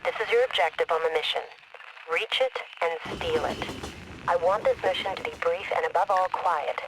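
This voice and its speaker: A woman with a natural, lowish voice plays a businesslike military handler in a game, speaking at normal speed over a noisy background. As mission controller in a scripted military briefing, she issues clipped, formal, authoritative orders.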